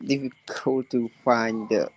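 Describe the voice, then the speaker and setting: Guy reading his lesson aloud on a video call, super slow, fixes his slips. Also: medium pitch, steady tone, a little hiss or hum, low-quality recording. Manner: slow careful reading with self-corrections. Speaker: student.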